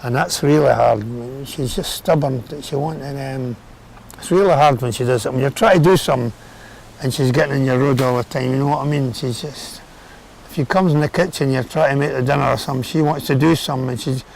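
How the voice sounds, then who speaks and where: A man's voice: mid-range voice, a little fast, vocal fry, darkish tone, a little hiss or hum, rough recording. An older man, talking bluntly and with exasperation about caring for his wife in a documentary interview. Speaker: husband and carer.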